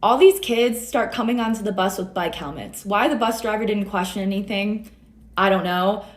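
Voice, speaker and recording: A woman's voice: mid-range voice, moderate pace. A young woman from the United States telling a school story in a chatty, wry way. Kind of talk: casual storytime. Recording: roomy echo.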